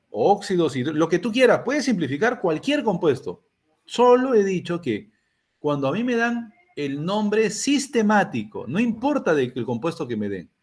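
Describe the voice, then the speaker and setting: A man's voice: on the high side, darkish tone, slightly rough. An older man with a Peruvian Spanish accent teaching a chemistry class, asking students questions and answering them himself. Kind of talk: classroom lecture.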